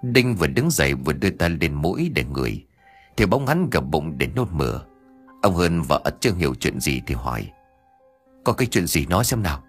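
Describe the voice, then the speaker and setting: A man with a deep voice narrating a story in a measured, dramatic manner. His delivery rises and falls expressively. Soft music plays faintly behind him. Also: big pitch swings, slightly rough. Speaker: audiobook narrator.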